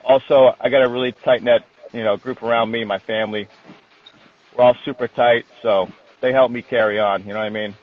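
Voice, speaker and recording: A man's voice: medium pitch, steady tone, a little fast. A man chatting casually as an interview guest, candid and colloquial with some swearing. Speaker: interview guest, dog trainer. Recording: thin phone-like line.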